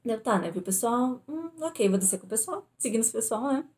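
A woman's voice: on the high side, quick pace, slight background noise. A young woman from Brazil with a southern Brazilian accent, casually telling a story to camera at home and acting out her own pleas. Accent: southern Brazilian Portuguese. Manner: animated retelling, acts out her own panicked pleas. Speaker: vlogger. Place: indoors at home.

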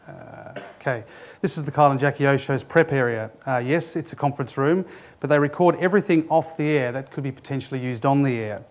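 A man delivers a conference presentation in an even, middle-pitched voice. He is measured and explanatory and speaks directly to the audience. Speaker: conference speaker, former radio executive.

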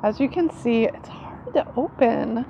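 A woman's voice: fairly high pitch, lively intonation, unhurried, creaky. A woman in her forties giving an informal, conversational explainer to camera outdoors, like a teacher showing gear. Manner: informal, conversational, often seeking agreement with "right". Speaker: foraging teacher presenting knives. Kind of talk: casual explainer talk to camera. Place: outdoors under a tree in a leafy yard. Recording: dull sound with outdoor ambient noise.

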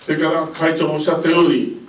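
An older man in his seventies, a bowling federation director, giving polite, unhurried press conference remarks into a handheld mic. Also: a little high, little pitch movement, a little hiss or hum. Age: older, about 70s. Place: indoor press conference room. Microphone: handheld microphone. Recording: roomy, mic a bit distant.

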